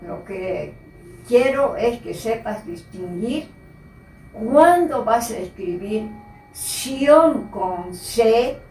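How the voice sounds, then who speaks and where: A woman teacher giving a slow, patient spelling lesson and repeating the key words. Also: mid-range voice, darkish tone, slight background noise. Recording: echoey room, voice from a distance.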